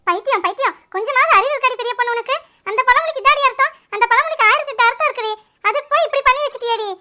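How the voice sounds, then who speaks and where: A woman's voice: steady tone, quick pace, sharp tone. A woman voicing a scolding old village grandmother in a cartoon. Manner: scolding, shrill, teasing. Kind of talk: cartoon voice acting.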